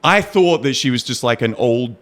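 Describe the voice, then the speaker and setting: A podcast co-host in casual talk, a man with an ordinary mid-pitched voice. He tells the story with energy, laughing and swearing as he goes. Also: animated, moderate pace, a bit bright. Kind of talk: casual chat.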